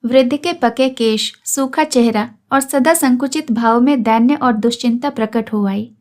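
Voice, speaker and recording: High-pitched lady narrating a story, steady measured reading. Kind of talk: read-aloud story narration.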